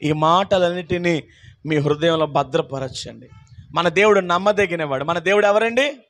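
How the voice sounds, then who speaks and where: A male pastor preaching a night prayer sermon, chanting lines and shouting hallelujahs, then dropping to quiet speech. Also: fairly high pitch, moderate pace. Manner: swings from loud exhortation to quiet speech.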